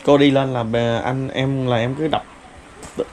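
A man asking short, gentle follow-up questions as interviewer. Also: mid-range voice, steady tone, unhurried, a little hiss or hum. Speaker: interviewer, channel host.

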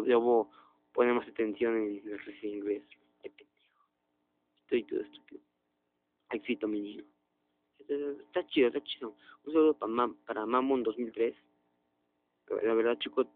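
A young man doing excitable let's-play commentary, often bursting into loud, high exclamations. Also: normal speed, long pauses. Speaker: gaming youtuber. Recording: tinny lo-fi phone-like audio.

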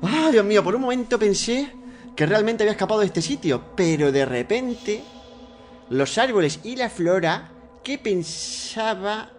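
A man with a Spain Spanish accent doing excitable horror game let's play commentary at a desk mic, swearing and shrieking when startled. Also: high-pitched, moderate pace. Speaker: gaming YouTuber. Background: game music and keyboard typing.

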